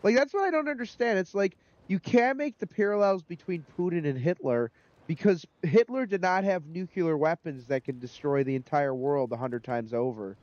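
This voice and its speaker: A man's voice: fairly high pitch, normal speed, darkish tone, no echo. A man rambling opinionatedly while casually commenting on a game he is playing. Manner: rambling, opinionated, many fillers. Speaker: gaming commentator. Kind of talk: casual let's-play chat. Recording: dull lo-fi voice recording.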